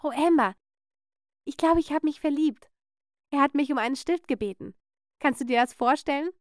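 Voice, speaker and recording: Sweet, loyal teen girl, read by a woman, soft and high, clean close sound. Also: normal speed, smooth, dry recording, lightly acted. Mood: excited. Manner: soft, comforting. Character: gentle kind teenage girl, loyal cousin.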